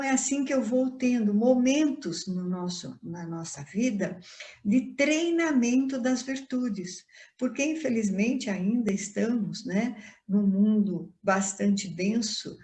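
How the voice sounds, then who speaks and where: A middle-aged woman speaks in a calm, reflective way, gently explaining as she gives an online Spiritist lecture. Her voice is mellow and warm. It sounds like she is in an echoey room. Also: on the high side. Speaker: guest speaker at a Spiritist center.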